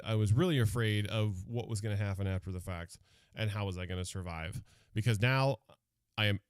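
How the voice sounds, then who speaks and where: A man telling a personal story on radio in a rambling, animated way, with many restarts. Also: on the low side, no echo.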